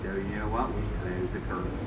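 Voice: low voice, little pitch movement, brisk. A robot guide, reading out scripted glossary entries and example sentences. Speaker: talking museum robot guide. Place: indoor exhibit, recorded from a robot's speaker. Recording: roomy, distant, noisy phone capture of exhibit speaker.

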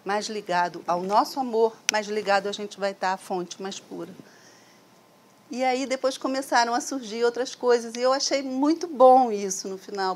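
Addressing an audience in a hall via a stand mic, a middle-aged Brazilian woman gives a thoughtful, conversational lecture, frequently tagging her remarks with "né?". Her voice is on the high side, with a little background noise.

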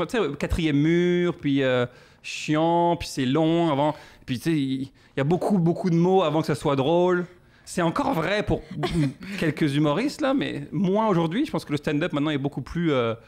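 A man in his thirties from France with a French accent, a comedian answering questions on a podcast with animated storytelling. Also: on the high side. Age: 30s. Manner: animated storytelling with quoted asides. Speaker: guest comedian.

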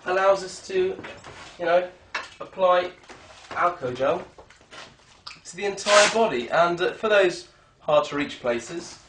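A young man playing an earnest doctor in a news spoof, hesitant and deadpan. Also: high-pitched, measured pace. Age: young adult. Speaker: doctor being interviewed. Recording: echoey, distant mic, noisy.

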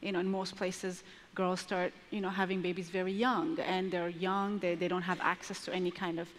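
A woman in her thirties from Ethiopia, answering earnestly on a conference panel through a headset mic, pausing and restarting as she thinks. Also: on the low side, level tone. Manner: earnest, thoughtful, with pauses and restarts. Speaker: panelist, maternal health advocate. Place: large conference stage with long reverb. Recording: reverberant large hall.

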